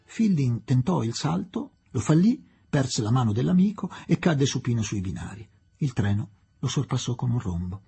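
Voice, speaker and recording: A man reading a novel aloud as an expressive, dramatic audiobook narrator. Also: medium pitch, moderate pace, vocal fry, breathy edge, faint music behind.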